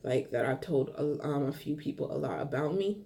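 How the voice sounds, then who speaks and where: A young woman with a slightly low voice gives an earnest, heartfelt vlog monologue. She rambles, restarts her sentences and fills pauses with ums. She sounds a little short of breath. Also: animated, creaky, mellow. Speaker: vlogger. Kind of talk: casual heartfelt monologue to camera.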